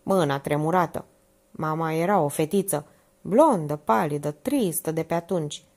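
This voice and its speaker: A woman voicing a frail, sickly young woman who speaks quietly, detached and resigned to dying. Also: sits low, lively intonation. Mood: brooding.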